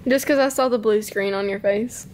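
A woman's voice: mid-range voice, moderate pace, a little mellow. A young woman chatting casually, coaxing and humoring someone with short questions. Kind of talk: casual chat. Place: living room, indoors. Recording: noisy home video in living room.

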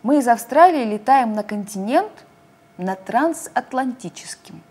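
A woman's voice: fairly high pitch, animated, unhurried, mellow, slightly rough. A woman voicing a small, boastful frog who claims to be a dog, in a storybook reading.

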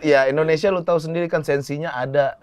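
A man's voice: a little high, steady tone, quick pace, darkish tone, clear, resonant tone. A man hosting a casual chat, teasing his guests and probing them with questions. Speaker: host. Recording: audience noise behind.

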